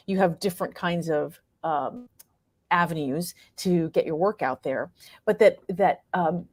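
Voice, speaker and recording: In a studio-quality, echo-free recording, a middle-aged American woman speaks at a fairly low pitch. As a guest being interviewed, this playwright and actor tells stories reflectively, animatedly acting out what she was thinking.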